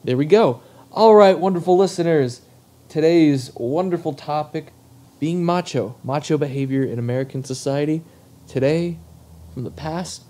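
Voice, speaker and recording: A young man runs a casual comedy podcast, tossing out mock-formal jokes and the odd swear. His voice sits a little high but mellow. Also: moderate pace. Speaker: podcast host.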